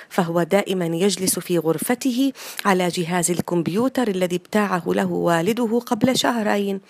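A woman narrating a children's story in Arabic in a measured, expressive reading voice. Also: mid-range voice, no room sound.

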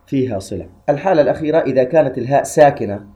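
A man teaching Quran recitation rules in a measured, patient way, slowly chanting short verse examples between his explanations. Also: medium pitch, expressive, dark tone.

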